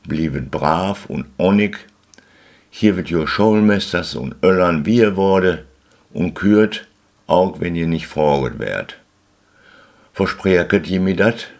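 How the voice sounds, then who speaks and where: A man's voice: low voice, lively intonation, slow, gravelly, exaggerated voice. A man voicing a fatherly, admonishing Santa Claus figure speaking to children.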